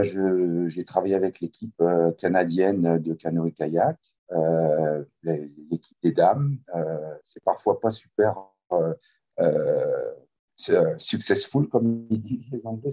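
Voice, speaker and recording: French man, slight Quebec tinge, deep, husky, muffled call audio. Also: warm tone. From France. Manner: hesitant, many fillers and restarts. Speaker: kayak coach, guest. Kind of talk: remote interview, casual conversation.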